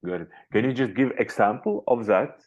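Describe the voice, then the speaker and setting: A man's voice: on the low side, normal speed, darkish tone, highs cut off. A man interviewing in a conversational way, phrasing questions hesitantly and repeating points to confirm them.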